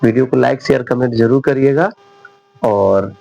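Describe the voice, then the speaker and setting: A man's voice: mid-range voice, normal speed, vocal fry, dark tone, rough recording. Man teaching, throat sore. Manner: patient, spells words out letter by letter. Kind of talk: spoken Hindi English lesson.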